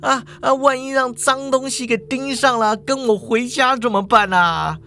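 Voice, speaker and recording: A man voicing a timid, fussy school principal in a high, anxious whine. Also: moderate pace, bright, forceful tone, slight background noise, exaggerated voice. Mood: fretful.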